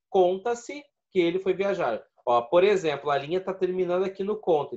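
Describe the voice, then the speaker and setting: A man's voice: on the high side, darkish tone, highs cut off. A man teaching a video lesson, explaining rules step by step and repeating key points. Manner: explanatory, repeats points and counts syllables aloud.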